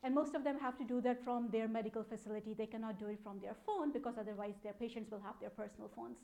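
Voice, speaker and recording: A woman in her thirties with a Pakistani accent speaks in a fairly high, warm voice. She's a data analytics program manager giving an informal conference talk, explaining things in a relaxed, conversational way.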